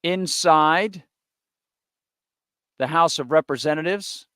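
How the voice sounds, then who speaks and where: A man's voice: a little high, takes it slowly, sharp tone, clear, resonant tone, no room sound, studio quality. A man hosting a live political stream, reading through a list with sarcastic asides in opinionated commentary. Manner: sarcastic, reads off long lists with asides.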